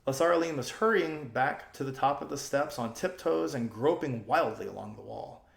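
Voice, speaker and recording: A man reads a children's story aloud as an expressive audiobook narrator. His mid-range voice is gravelly, his pace moderate, and the recording has a roomy sound.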